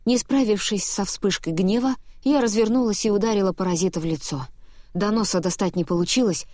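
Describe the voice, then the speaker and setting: A woman narrating a first-person audiobook in an expressive, lively storytelling manner, close to the mic. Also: mid-range voice, no room sound.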